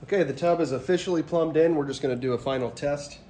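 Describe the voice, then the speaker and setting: Working in an unfinished basement, a co-host handling the plumbing explains the job in a casual DIY style. His voice is on the high side and he talks fast, plain and matter-of-fact, with background noise around him.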